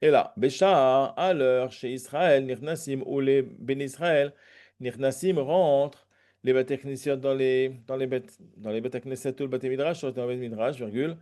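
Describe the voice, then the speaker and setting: A man's voice: medium pitch, mellow. A man teaching a Talmud lesson, reading each phrase and then translating and explaining it. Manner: hesitant fillers and restarts.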